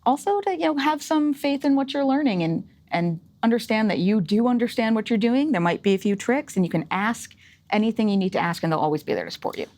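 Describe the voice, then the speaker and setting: A woman's voice: on the high side, animated, fast, darkish tone. Upbeat chatty woman in her thirties. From Rhode Island, USA. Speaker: guest, associate data analyst. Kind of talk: casual interview chat.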